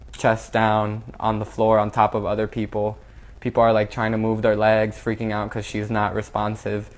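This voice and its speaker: Young man with a flat, halting voice. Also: lowish voice. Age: young adult. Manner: halting and flat, with repeated restarts. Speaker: shooting survivor. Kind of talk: recounting a personal ordeal.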